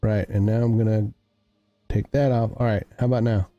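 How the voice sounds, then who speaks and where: Mellow-voiced man rambling on a game stream. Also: on the low side, little pitch movement, moderate pace, no room sound, muffled recording, soft background music. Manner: rambling, thinks aloud while fiddling with settings. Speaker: streamer host. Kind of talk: casual gaming livestream chat.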